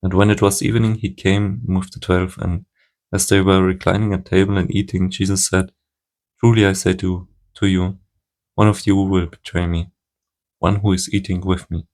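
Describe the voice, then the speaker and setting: Guy reading bible passages, deep voice, pretty monotone, trips over words sometimes. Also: normal speed. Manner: steady reading with frequent small stumbles and restarts. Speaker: Bible reader. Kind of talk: reading scripture aloud.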